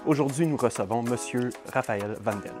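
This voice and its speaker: Halting man hosting an academic podcast. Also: mid-range voice, over music. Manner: hesitant and halting, with many pauses. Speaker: podcast host. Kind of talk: academic interview.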